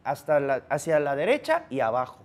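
A man's voice: on the high side, huge pitch swings, a little fast. A man whose first language is Korean, chatting casually and playfully while explaining his language. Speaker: guest teaching Korean. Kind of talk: casual chat.

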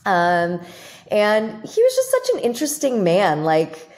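A woman's voice: medium pitch, wildly swooping pitch, measured pace, a little mellow. A woman doctor as a podcast guest, talking reflectively in a casual conversation with frequent fillers. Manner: reflective, talks with many fillers and "like".

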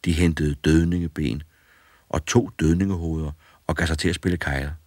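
A man narrates a fairy tale in a very deep, calm and measured voice. The recording is dry and close, with no room sound at all. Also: no room sound.

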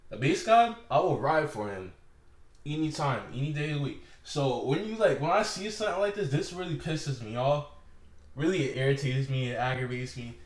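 A man's voice: medium pitch, lively intonation, moderate pace. Heated young man ranting in an echoey room. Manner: heated, profane, repeating himself. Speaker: vlogger. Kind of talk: angry rant to camera.

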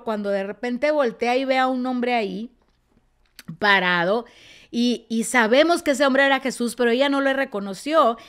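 Expressive woman teaching the Bible. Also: a little high. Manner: expressive storytelling, often dropping to a soft, quiet tone. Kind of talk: teaching sermon.

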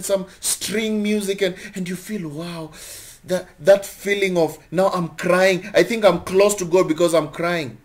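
High-voiced animated young man preaching. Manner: animated, repeats phrases, laughs between points. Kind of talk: sermon teaching.

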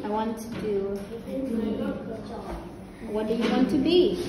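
A woman's voice: fairly high pitch, slow. A woman, an English teacher, interviewing a student for speaking practice and patiently rephrasing her questions. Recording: echoey room with crowd noise.

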